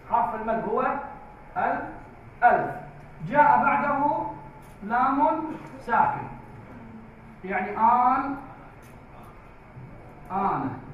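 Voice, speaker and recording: A man teaching a tajweed class in a classroom, slow and drawn-out, repeating key words for the class. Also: extremely high pitch, slight background noise. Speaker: Quran recitation teacher. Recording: very echoey, distant, tinny phone-like sound.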